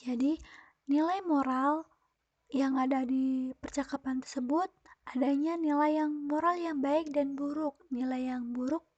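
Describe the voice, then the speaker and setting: A woman's voice: high voice, steady tone, measured pace, darkish tone, no echo, muffled recording. A young woman teaching children in an online lesson, explaining patiently and asking them whether they understand. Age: young adult. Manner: explains patiently to pupils, asks them questions.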